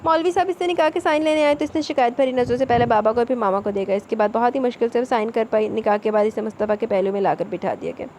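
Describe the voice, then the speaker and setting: Woman narrator, novel reading, fairly high pitch, faint hiss behind. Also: fairly even intonation, hardly any pauses, darkish tone. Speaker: audiobook narrator.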